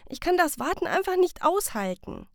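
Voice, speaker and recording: A woman voicing an anxious, curious young child with a high, plaintive voice. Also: big pitch swings, normal speed, no room sound, studio quality, heavily acted. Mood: impatient.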